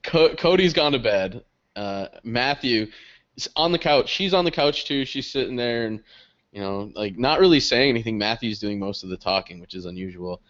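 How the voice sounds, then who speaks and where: A young man, the podcast co-host, telling a story in casual chat, animated and swearing freely, laughing often. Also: medium pitch, normal speed. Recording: dull lo-fi podcast audio.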